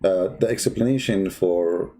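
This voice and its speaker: A man hosts a polemical commentary over a video, speaking as a debate host in a low, unhurried voice with a dark tone. He mocks and insults emphatically and now and then hums to himself.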